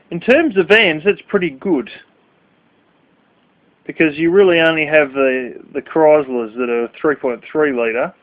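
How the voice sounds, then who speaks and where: A sleepy man yawns his way through a late-night vlog rant, rambling and cursing bluntly. For a man, his voice sits somewhat high, and the audio is thin and tinny like a phone call.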